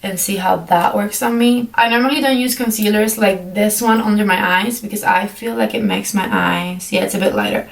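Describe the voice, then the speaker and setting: Young woman, groggy just-woke-up voice, chatty makeup tutorial, mid pitch, distant mic, roomy echo. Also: moderate pace, vocal fry, hardly any pauses. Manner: chatty, apologetic, filler-heavy. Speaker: beauty vlogger. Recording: echoey room, mic set back.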